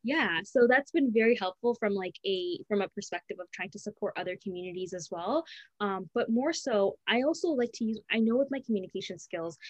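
On a dry, muffled recording, a woman with an expressive mid-range voice takes part in an interview as a student advisor. She talks fast and earnestly in a conversational style, repeatedly restarting sentences and correcting herself.

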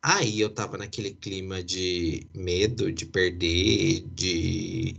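A man's voice: sits low, steady tone, slow pace, creaky, fairly bright tone, muffled recording. A young man, casually telling a personal story with lots of fillers and asides. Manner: chatty, many fillers and asides, occasional laughs.

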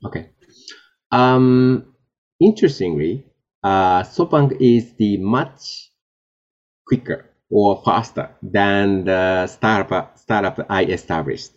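Japanese-born man, non-native English, halting interview answers, lower voice, dull lo-fi audio. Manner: halting, many fillers and restarts. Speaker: guest, tech executive. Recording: dull lo-fi sound.

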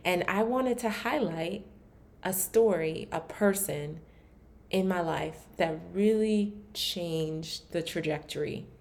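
A woman's voice: on the low side, takes it slowly, a little mellow. A woman from Maryland hosting her own podcast, talking in a candid, reflective way with a lot of "like" fillers and restarts. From Maryland, USA. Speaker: podcast host. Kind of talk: casual solo podcast talk.

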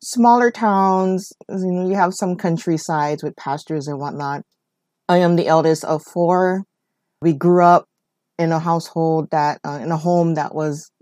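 A Hawaiian woman in her 40s, a podcast host, tells her life story in a rambling, conversational personal monologue, leaning on "you know" and "whatnot." Her voice sits low with a darkish tone, and there's no room sound.

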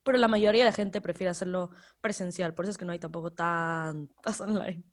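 A woman's voice: lowish voice, steady tone, fairly quick. A young adult woman with an Ecuadorian accent, co-hosting a casual podcast chat and laughing often. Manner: giggly, chatty, laughs often. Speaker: podcast co-host, university freshman.

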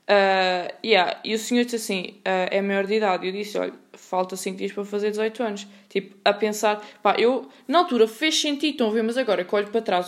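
A young woman with a European Portuguese accent, telling a funny personal story in a casual, slangy podcast monologue, often laughing. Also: mid-range voice. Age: young adult. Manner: chatty, slangy, laughs at her own story. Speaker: podcast host.

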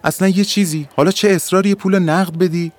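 A man's voice: sits high, fairly even intonation, voice pushed up, close to an everyday voice. A man voicing an exasperated male bus ticket clerk who scolds and pleads in an agitated way. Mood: coaxing.

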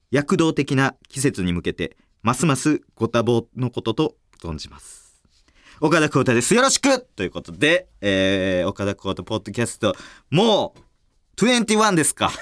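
A man's voice: mid-range voice, no echo, studio quality. A young man with a Kansai accent hosting a podcast, chatting casually and laughing often. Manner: chatty, quick to laugh, jokey. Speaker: podcast host. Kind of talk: casual chat.

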